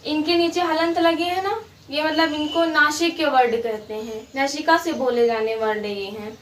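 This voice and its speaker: A woman with a high voice teaches a grammar lesson, patiently repeating her examples and checking that her students follow. She sounds a little distant from the mic in an echoey room with a faint hiss behind her. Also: steady tone, normal speed. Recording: roomy, distant mic with faint background noise.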